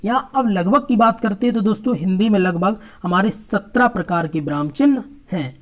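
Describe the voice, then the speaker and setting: A woman's voice: medium pitch, normal speed. A woman teacher with a Hindi accent, reading out exam questions and their answers and explaining each step by step to her viewers.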